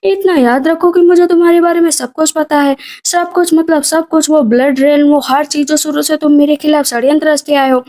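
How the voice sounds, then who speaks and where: Spoiled, vengeful young princess read by a woman narrator, high, mellow tone. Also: fairly even intonation, normal speed, hardly any pauses, lightly acted. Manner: demanding, pleading and vengeful.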